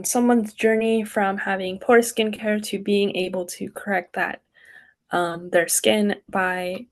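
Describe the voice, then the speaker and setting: A young woman teaches writing in an online workshop, talking casually and with an upbeat tone, filling pauses with ums and likes. Her voice sits at an ordinary middle pitch for a woman. It comes through a video call.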